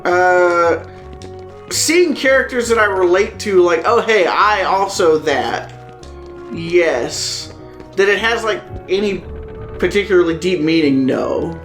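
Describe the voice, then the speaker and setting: A man's voice: high voice, expressive, takes it slowly, fairly bright tone. A man co-hosting a let's play, joking dryly and sarcastically in casual chat. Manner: dry, sarcastic humor, swears. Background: faint game music.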